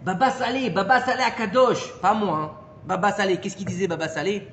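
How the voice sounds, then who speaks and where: A man giving an informal Torah lesson to a small group, animated and peppering his listeners with questions. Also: sits high, brisk. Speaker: Torah teacher. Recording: echoey room with long reverb and faint noise.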